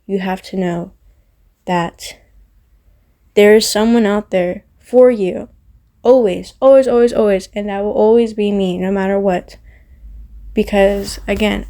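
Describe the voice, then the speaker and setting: A woman's voice: medium pitch, mellow. A woman YouTuber giving her viewers an earnest, rambling heartfelt message, repeating herself for emphasis. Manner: rambling with many fillers. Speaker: Roblox YouTuber.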